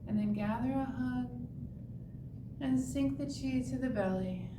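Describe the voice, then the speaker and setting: A woman tai chi instructor giving serene, meditative movement and breathing cues with long pauses. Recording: echoey, distant mic with clear rumbling noise.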